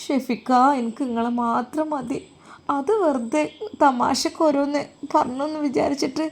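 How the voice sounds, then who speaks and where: A woman voicing a young wife with a Malappuram Malayalam accent, speaking in a high, shaky, sobbing voice. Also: fairly even intonation, moderate pace, creaky, a little mellow. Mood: tearful pleading. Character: young wife, tearful and pleading.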